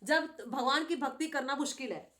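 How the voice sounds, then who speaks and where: Middle-aged woman with a high voice teaching scripture, keeps checking with students, lively. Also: moderate pace. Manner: animated, questioning students with frequent tag questions. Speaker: spiritual teacher. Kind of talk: devotional scripture class.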